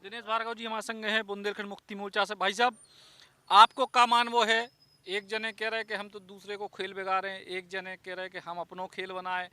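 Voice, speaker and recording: Flat-toned Bundeli interviewer. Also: male voice, high voice, brisk, hardly any pauses, smooth, no echo. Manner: conversational questioning. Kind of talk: field interview.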